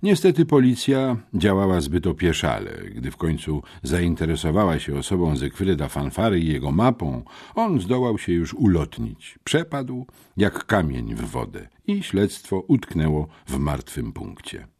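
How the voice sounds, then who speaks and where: An older man narrates an audiobook with a low, husky voice. His delivery is animated, rising and falling widely in pitch as the story moves along. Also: a little slow, few pauses. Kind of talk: scripted narration.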